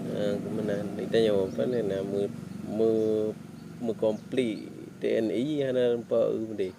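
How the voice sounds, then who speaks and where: A man's voice: lowish voice, little pitch movement, measured pace, creaky. A man asking questions in casual conversation as an interviewer. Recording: faintly noisy amateur recording, outdoor ambience.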